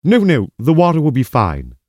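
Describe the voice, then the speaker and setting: A man's voice: a little high, huge pitch swings, moderate pace, a little mellow, dry recording. A man playing a dry, secretive schemer in a comic audio drama, formal, terse and disapproving. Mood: exasperated, hushed urgency.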